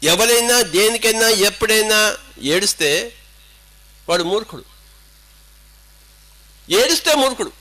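A man's voice: high-pitched, normal speed, pauses often, pushed and bright. An older man giving an emphatic spiritual discourse, firing off rhetorical questions and switching into English and Hindi. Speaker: spiritual teacher.

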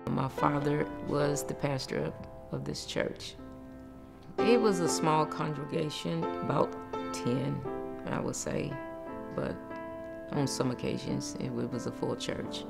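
An older woman who once played piano for a church reminisces in a documentary interview, set in a room at home with a piano. Her low, creaky voice moves a little slowly, with music playing beneath it.

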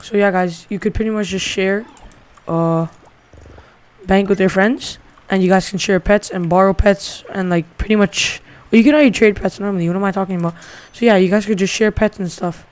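A man's voice: sits high, fairly quick. A male gaming channel host giving a casual game tutorial, thinking aloud and rambling with lots of filler words.

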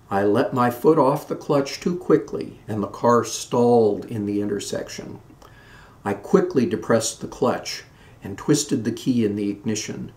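A man's voice: mid-range voice, darkish tone. Man in his sixties reading his memoir. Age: 60s. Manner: measured storytelling reading. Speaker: memoir author reading aloud. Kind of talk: scripted narration of a memoir. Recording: roomy echoey room.

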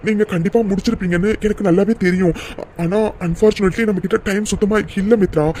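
A man's voice: sits high, warm tone, a little hiss or hum, close to an everyday voice. A man voicing a stressed young male team lead in a cartoon serial, pressed for time before a client demo. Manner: hurried, pressured.

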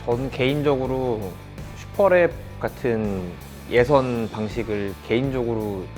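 A man's voice: medium pitch, a little slow, a little mellow, soft background music. A man in his twenties, a racing driver guest, answering earnestly and a little reservedly. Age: 20s. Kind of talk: casual interview answers.

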